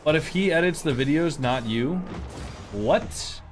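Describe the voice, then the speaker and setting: Young man, game streamer, loose filler-heavy chat, a touch high-pitched. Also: expressive, unhurried, soft background music. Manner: rambling, filler-heavy, indignant. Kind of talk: casual live-stream chat.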